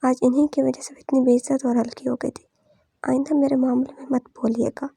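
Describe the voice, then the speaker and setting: A woman voicing an angry, sharp-tongued young heroine who scolds and defies her elders in a storybook reading. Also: high voice, little pitch movement, fairly quick, vocal fry, husky, no echo, exaggerated voice. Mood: furious. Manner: scolding, defiant.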